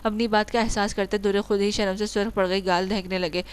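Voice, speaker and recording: A woman reads a romance novel aloud at a steady pace and now and then fixes a slip as she goes. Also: mid-range voice, clean tone. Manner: steady reading with small slips and self-corrections. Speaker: audiobook narrator.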